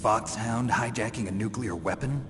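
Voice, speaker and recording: Male actor as covert game soldier, deep pitch, terse, dry, skeptical, long echoing reverb. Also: normal speed, music in the background, lightly acted. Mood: terse, wary. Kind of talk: scripted video game voice acting.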